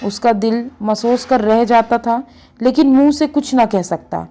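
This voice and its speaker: Woman storyteller, classic short story read aloud, measured and even, fairly high voice.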